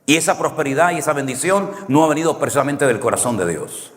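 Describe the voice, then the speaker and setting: A man's voice: a little high, lively intonation, fast. A man with a Canary Islands Spanish accent, preaching a sermon as a pastor in a conversational, storytelling way with wry humor. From Canary Islands, Spain. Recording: long hall reverb.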